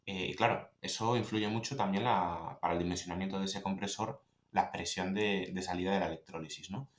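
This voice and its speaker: A man's voice: sits low, fairly even intonation, a little fast, roomy sound. A man with an accent from Spain, hosting a podcast and asking long, winding questions with frequent restarts. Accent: Spain Spanish. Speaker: podcast host. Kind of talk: interview questions.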